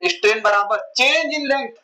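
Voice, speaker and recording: High-voiced chatty male physics teacher. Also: slow, sharp tone, low-quality recording. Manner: chatty, asks students rhetorical questions; mixes English terms into Hindi. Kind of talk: exam-prep classroom lecture.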